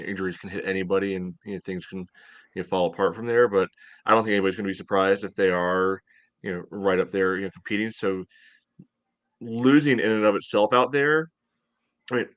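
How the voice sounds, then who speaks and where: A middle-aged American man co-hosts a sports podcast over a video call from a room at home, analysing the games casually. His low voice is brisk with fairly even intonation, picked up by a computer microphone.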